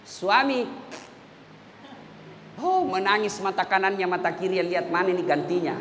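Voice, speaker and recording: A man giving a humorous sermon to an audience, telling animated stories and acting out dialogue between characters. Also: sits high, moderate pace. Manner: animated storytelling, acts out dialogue, addresses audience directly. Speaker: preacher. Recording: hall reverb, faint ambient noise.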